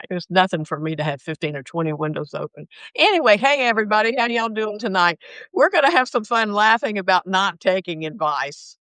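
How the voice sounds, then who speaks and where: An older woman co-hosting a casual talk over a computer call, chatty and upbeat and quick to laugh. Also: medium pitch, fairly bright tone, no room sound, low-quality recording. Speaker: podcast co-host. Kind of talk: casual conversation.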